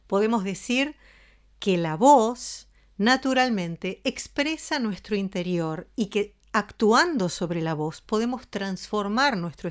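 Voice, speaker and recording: A woman giving a calm, explanatory voice lesson. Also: mid-range voice. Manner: calm, explanatory, demonstrates ways of speaking. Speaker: voice teacher. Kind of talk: spoken voice lesson.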